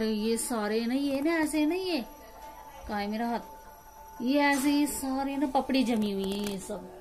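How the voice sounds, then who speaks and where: A woman in her thirties talking casually to her viewers from her rented room at home, rambling and emotional with many restarts. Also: fairly high pitch. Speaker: family vlogger.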